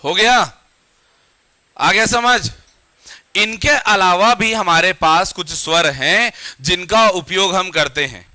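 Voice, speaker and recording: A man with a high, very bright voice teaches a grammar lesson to a classroom. He keeps firing questions at the students and repeats their answers back to drill them. The sound is dry and close. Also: slow pace, no room sound.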